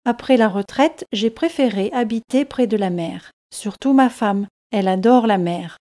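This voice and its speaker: A woman's voice: mid-range voice, normal speed, mellow, close to an everyday voice. A woman voicing a retired old Englishman, a tall, thin, kindly fisherman with an easygoing manner. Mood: friendly.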